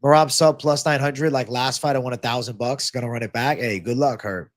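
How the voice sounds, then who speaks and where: A man with a stuffy, congested nose hosts a casual livestream Q&A on fight betting. He reads viewer comments aloud in a laid-back, slangy way and swears freely. His voice is mid-range with fairly even intonation, and he speaks briskly.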